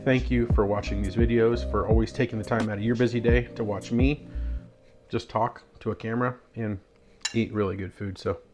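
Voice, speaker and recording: A man's voice: fairly low pitch, fairly even intonation, a little fast, darkish tone, faint music behind. A man hosting a casual cooking vlog, walking viewers through a recipe step by step with friendly enthusiasm. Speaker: cooking vlogger.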